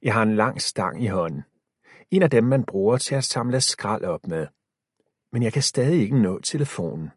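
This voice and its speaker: A man reads a children's adventure aloud, lively in pitch and quickening or slowing with the suspense. His voice is low and husky, recorded close and dry. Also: no echo. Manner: expressive, shifting pace with the tension. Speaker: audiobook narrator. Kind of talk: scripted storybook narration.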